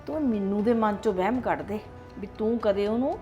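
A woman with a Punjabi accent playing a scheming older grandmother who coaxes a child in a soft, conspiratorial way. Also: mid-range voice, brisk, highs cut off, faint music behind, lightly acted. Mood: coaxing. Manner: coaxing, conspiratorial.

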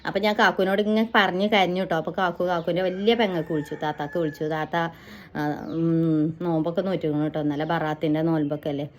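A woman's voice: sits low, steady tone, quick pace, slight background noise. A middle-aged woman, telling a family story to her viewers in a chatty, rambling way. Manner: chatty, rambling, often ends with "kettō". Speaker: family vlogger.

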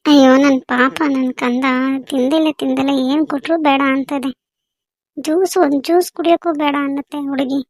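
A doting village mother , played by a woman, fusses and insists in a high voice with a gravelly edge. She holds an even, narrow pitch, and the recording is dry and close. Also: fairly quick, no echo. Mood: fussing. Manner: fussy, insistent. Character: doting village mother fussing over her daughter. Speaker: mother in a family skit. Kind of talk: amateur village family skit.

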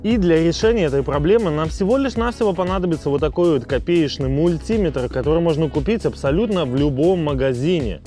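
A man in his thirties with a slightly high voice and a burry r explains things step by step. He talks to viewers like friends in a how-to car vlog, with faint music playing behind him. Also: fairly quick, few pauses, mellow. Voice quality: burry, non-standard r sound. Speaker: car repair vlogger. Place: outdoors in a residential yard beside a car.

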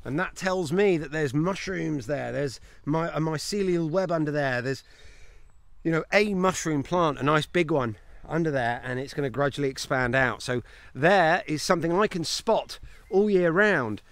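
A fairly high-pitched, fairly bright voice at normal speed belongs to a homesteading channel host in his thirties, vlogging as he walks a grassy paddock. He shares mushroom foraging tips in a chatty, enthusiastic way, pointing things out, with the phone held at arm's length giving a dry recording.

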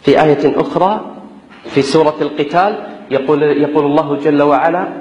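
A man's voice: on the high side, fairly quick, a little mellow, muffled recording. A young man preaching a fiery sermon, impassioned and exhorting, with rhetorical questions and recited scripture. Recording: echoey, long reverb.

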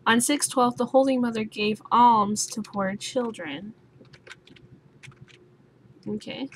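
A young woman playing a puzzle game and thinking out loud, swearing often and sounding sleepy. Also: on the high side, takes it slowly. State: sleepy, just woke up. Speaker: gaming YouTuber. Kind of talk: let's play commentary. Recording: noisy home recording with keyboard sounds.

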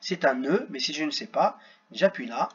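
In a screen-recorded lesson, a man teaches young children at a computer, sounding out words syllable by syllable. His voice is a little high with lively intonation and a moderate pace, though the recording is muffled.

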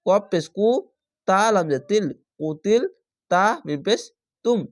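A man teaching Quran reading who spells each word out slowly, syllable by syllable, then chants the whole word, and explains the rules patiently. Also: high voice. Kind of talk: spelling-out Quran recitation lesson.

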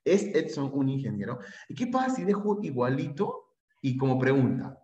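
Chatty Peruvian teacher in a roomy space. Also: male voice, mid-range voice, very animated, normal speed, dark tone, dull audio. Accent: Peruvian Spanish. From Peru. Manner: chatty, checks in often with tag questions. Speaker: English teacher. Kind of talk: pre-university lecture.

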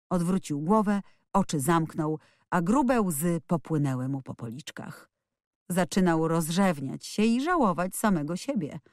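A woman narrates a novel with an expressive, lively storyteller's delivery. Her voice sits a little low and moves widely in pitch. The studio sound is dry and close. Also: dry recording. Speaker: audiobook narrator. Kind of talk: scripted narration.

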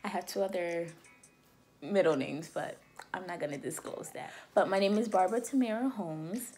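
A woman's voice: fairly low pitch, normal speed, darkish tone, soft background music. A woman from Liberia talking casually to camera as a beauty vlogger, chatty and loose with frequent "um" and "you know".

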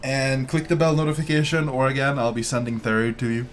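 A man's voice: mid-range voice, little pitch movement, a little fast, very noisy. A man chatting casually while playing a game with friends, dry and teasing, signing off the episode. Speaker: co-host gamer. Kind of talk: casual gaming chat.

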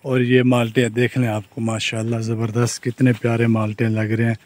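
Holding his phone at arm's length outside, a young Pakistani vlogger with a Saraiki-region Urdu accent enthusiastically tours a farm and construction site, repeating "look at this" and the like. He speaks fairly quickly in a monotone. His mid-range voice has a darkish tone.

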